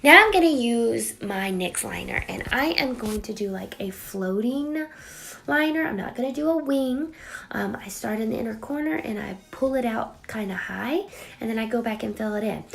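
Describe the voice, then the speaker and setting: A young woman with a raspy voice from a cold, chatting playfully and dramatically through a makeup tutorial, sometimes dropping to a whisper. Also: on the high side, expressive, normal speed, fairly bright tone. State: getting over a cold. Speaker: beauty vlogger. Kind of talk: casual makeup tutorial chat.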